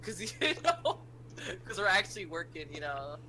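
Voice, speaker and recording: A woman's voice: fairly low pitch, very animated, moderate pace. Chatty young woman on a noisy stream. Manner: chatty, laughing. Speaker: podcast co-host. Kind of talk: casual group chat. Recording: noisy live stream audio.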